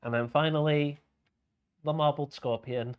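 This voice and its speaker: A man working as a bingo caller and host, announcing each item in a measured way with spaced-out names. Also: fairly high pitch, fairly even intonation, clean tone, muffled recording.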